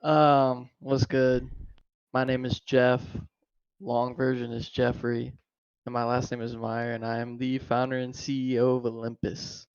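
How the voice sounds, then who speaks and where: Smooth-voiced young man, slangy and animated. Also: mid-range voice, unhurried, no room sound, highs cut off. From Florida. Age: 20s. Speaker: podcast co-host. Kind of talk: casual podcast chat.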